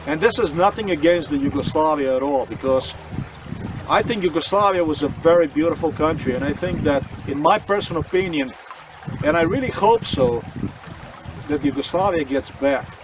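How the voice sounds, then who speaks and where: This vlogger, a man from Slovenia, delivers a personal monologue to camera at a normal speed and fairly high pitch, earnestly insisting on his own story and often circling back to repeat points. His voice sits distant from the mic against a noisy background.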